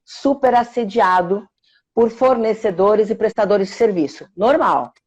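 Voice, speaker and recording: Mulher entrevistando, conversa informal, chamada de vídeo. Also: female voice, mid-range voice, unhurried, a little mellow, breathy edge, lo-fi sound. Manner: asks long questions with fillers. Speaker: co-host. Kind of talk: casual interview chat. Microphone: video call.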